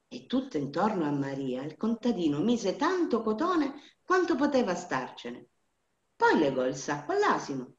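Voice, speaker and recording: A woman reading a fairy tale aloud in a storytelling style, in a dull, roomy recording. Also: lowish voice.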